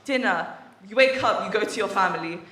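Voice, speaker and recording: A young woman from England shares a casual testimony at a church service, talking in a chatty, laughing way with plenty of fillers. Her voice sits at a middle pitch for a woman. The sound is roomy, with the hall echoing around her. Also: brisk, bright, forceful tone. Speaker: workshop participant sharing testimony.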